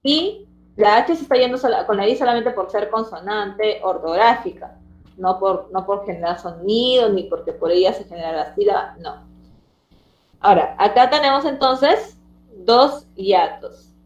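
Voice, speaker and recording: Female teacher, mid-pitched, patient step-by-step explainer; roomy, slightly dull lo-fi sound. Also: lively intonation, moderate pace. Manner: explains step by step, checks in with students. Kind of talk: online language lesson.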